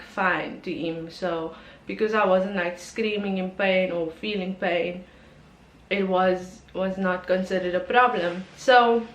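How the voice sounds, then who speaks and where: A woman from South Africa telling a personal story on her vlog, candid and emotional, with lots of ums and likes. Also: mid-range voice. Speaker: YouTuber. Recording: roomy echo with faint background noise.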